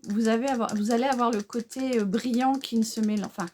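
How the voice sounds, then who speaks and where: A woman's voice: fairly high pitch, fairly even intonation, fast talker, mellow, a little hiss or hum. Chatty woman vlogging makeup. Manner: chatty, homely, many fillers and self-corrections. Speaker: beauty vlogger. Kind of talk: casual makeup tutorial chat.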